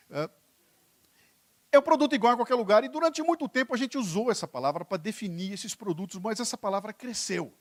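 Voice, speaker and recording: Animated Brazilian man giving a stage talk. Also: high voice. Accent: Brazilian Portuguese. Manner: joking, teasing the audience, quizzing the crowd. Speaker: keynote speaker. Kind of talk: motivational stage lecture. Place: stage before a live audience.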